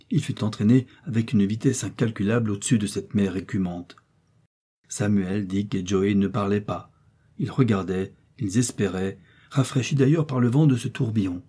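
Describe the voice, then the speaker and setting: A man narrating a classic adventure novel as an audiobook, telling it with steady drama. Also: on the low side, slightly rough. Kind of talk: scripted narration.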